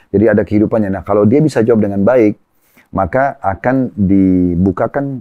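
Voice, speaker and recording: A man, an Islamic preacher, calmly explaining religious teaching in conversation and citing sayings point by point. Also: low-pitched, no room sound, highs cut off. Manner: calm, measured, cites hadith and lists points.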